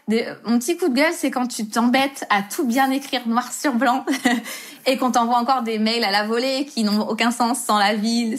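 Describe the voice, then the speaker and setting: A woman in her thirties, a tattoo artist chatting casually as a podcast guest, easygoing and hesitant and laughing often. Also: fairly high pitch. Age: 30s. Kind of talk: casual interview chat.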